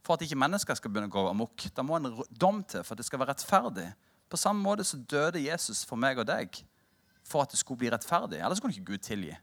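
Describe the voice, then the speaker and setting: A man in his thirties preaching a sermon, telling a personal story in a lively, humorous way and joking with the congregation. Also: mid-range voice.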